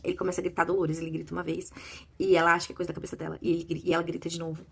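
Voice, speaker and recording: Rapid-fire Brazilian woman with a gravelly voice. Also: on the low side. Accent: Brazilian Portuguese. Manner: breathless, excited retelling with outbursts. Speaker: book reviewer. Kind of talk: casual spoiler-filled book review.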